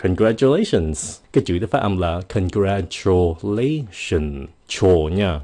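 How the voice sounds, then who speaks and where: Man, Vietnamese native speaker, pronunciation teacher, deep voice, dark tone, slow drawn-out examples. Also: animated. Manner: slow, drawn-out model words. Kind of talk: casual video lesson.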